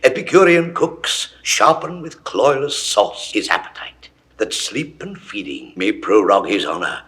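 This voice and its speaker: This male actor voices a scornful, proud and self-assured Roman rebel chief for a Shakespeare audio production from the 1960s. His pitch is fairly low with big swings, his pace measured and his tone a bit bright as he delivers emphatic, oratorical verse.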